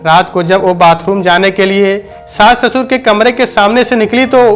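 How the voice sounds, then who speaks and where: A man reading a family story aloud as storyteller, in a steady, even narration. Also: high-pitched, moderate pace, soft background music.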